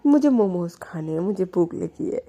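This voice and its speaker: A woman's voice: lowish voice, animated, moderate pace, warm tone. A woman voicing a sweet, stubborn young woman who coaxes and pleads for what she wants. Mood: demanding.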